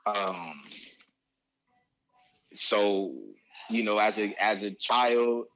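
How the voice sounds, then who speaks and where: Middle-aged man, low muffled voice. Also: drawn-out words, a bit bright. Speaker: father of a recruited athlete, interviewee. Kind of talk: casual interview chat.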